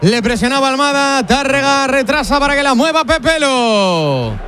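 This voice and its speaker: Very high-voiced football commentator. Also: male voice, slight background noise. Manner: rapid, animated calling of the action. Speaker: match commentator.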